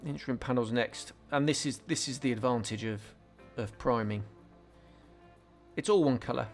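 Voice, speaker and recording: A scale modelling channel host gives a relaxed tutorial voice-over, explaining a hobby build as he works, pausing on ums and restarting sentences. His pitch is middling, and soft music plays faintly underneath.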